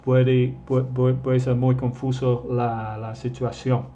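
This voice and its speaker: A man's voice: mid-range voice, flat delivery, slow pace, warm tone, highs cut off, a little hiss or hum. A man teaching an English lesson live online, reading chat questions and stretching out number words to show their pronunciation.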